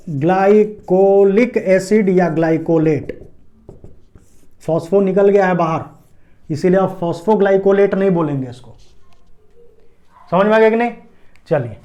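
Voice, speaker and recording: A man's voice: high voice, darkish tone. A man teaching a biology lesson at a board, explaining step by step and asking and answering his own check questions. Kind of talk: classroom lecture at a board.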